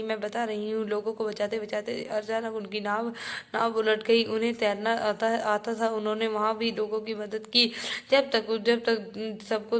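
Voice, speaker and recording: A woman teacher reading a textbook play aloud to her students, often stopping to repeat and restart words. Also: medium pitch.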